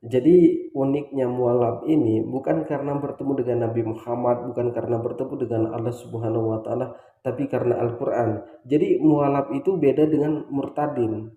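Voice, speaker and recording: A man's voice: mid-range voice, fairly even intonation, brisk, warm tone, roomy sound. A man giving preachy religious commentary, emphatic and lecturing, listing his points one by one.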